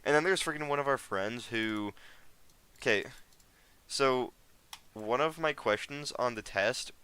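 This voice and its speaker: Chatting with viewers on a casual live stream while he plays a game, a teenage guy from the United States rambles in slangy speech. His medium-pitched voice is bright, smooth and forceful, and he talks a little slowly.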